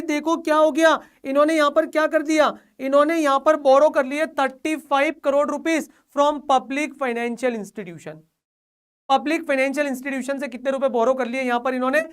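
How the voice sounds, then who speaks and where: A young man teaching an online lecture, excited and playfully scolding his students, mixing Hindi and English. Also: very high-pitched.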